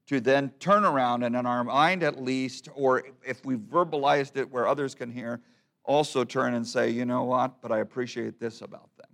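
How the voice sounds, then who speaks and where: A man's voice: medium pitch, creaky, fairly bright tone. A man preaching a sermon, talking plainly to his congregation and reading an old hymn poem aloud with rising emphasis. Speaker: pastor.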